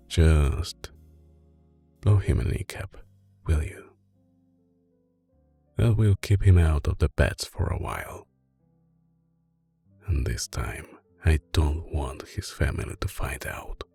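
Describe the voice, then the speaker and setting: In an ASMR roleplay, a man voices a soft-spoken mafia boss boyfriend who is both menacing and doting. His Italian-accented delivery is deep, creaky and intimate, heavily acted, slow, deliberate and controlled, with music in the background.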